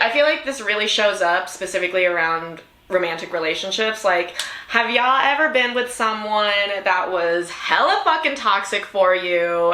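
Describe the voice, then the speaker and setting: A woman speaking as a casual fortune teller, giving spiritual advice with informal slang, repetition and acted-out reactions, speaking straight to the listener. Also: mid-range voice. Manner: animated, informal, acts out imagined reactions, uses slang and repetition; fortune-teller style reassurance addressed to the listener. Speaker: oracle card reader, spiritual guide. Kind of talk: casual oracle reading, spiritual advice talk. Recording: roomy, echoing room sound.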